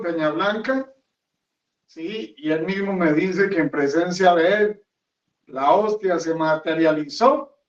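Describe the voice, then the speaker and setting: A man, a friar, preaching a homily with an emphatic, repetitive cadence and rhetorical questions, recorded in a chapel. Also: high voice. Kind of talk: sermon. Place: chapel of a hermitage. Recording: echoey, dull sound from a distant mic.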